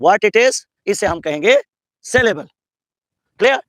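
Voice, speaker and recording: A Pakistani man teaches an English grammar lesson in a classroom lecture mixing English and Urdu, asking students questions, answering them himself, carefully spelling out English terms, and calling students "beta." His voice is high, animated, and slow. The recording is low quality with no echo.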